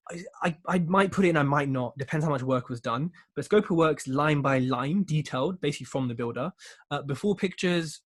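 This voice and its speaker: A man's voice: fairly high pitch, breathy edge. A man hosting a casual live Q&A, breezy and joking, with slangy asides. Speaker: show host asking listener questions.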